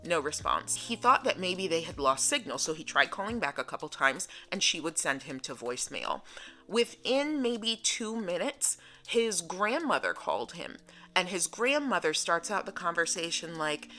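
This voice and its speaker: A woman's voice: on the low side, sing-song, normal speed, sharp tone, soft background music. A woman from the United States telling a personal story in a casual, chatty vlog style. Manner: casual, chatty, laughing now and then. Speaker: vlogger. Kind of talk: storytime narration.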